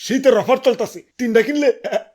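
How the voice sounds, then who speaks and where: A woman voicing a pushy street vegetable seller in a cartoon, calling out prices in a sing-song sales pitch. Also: fairly quick, darkish tone, lightly acted. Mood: hawking. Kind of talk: cartoon voice acting.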